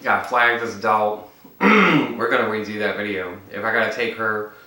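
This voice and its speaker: Man, eating vlogger, rambles as he chews, bright forceful tone, off-mic in a roomy, faintly hissy space. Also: on the low side. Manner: rambling, chatty, talks while chewing. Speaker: mukbang vlogger. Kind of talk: casual eating vlog. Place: indoors, filming alone. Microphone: camera mic set up by himself. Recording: echoey room, mic at a distance, faint noise.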